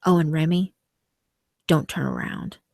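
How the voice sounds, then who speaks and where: A woman voicing a tormented, resigned young man trapped in dreams, slow, grave and pleading, in a horror story. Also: sits low, huge pitch swings, vocal fry, darkish tone, no echo, clean studio sound, exaggerated voice. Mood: grave, foreboding. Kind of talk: scripted horror story dialogue.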